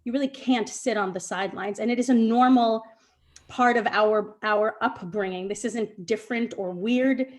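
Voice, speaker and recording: Speaking as a guest on a video call, the chef's daughter, a young woman, talks at normal speed in a slightly high voice. She comes across as sincere and heartfelt, her casual speech full of fillers.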